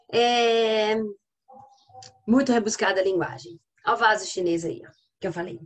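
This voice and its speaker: A woman with a Brazilian accent giving a literature lecture to her class, explaining and often checking in with questions. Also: medium pitch. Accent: Brazilian Portuguese. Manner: reads poems aloud slowly. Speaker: literature teacher. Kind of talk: classroom lecture over slides.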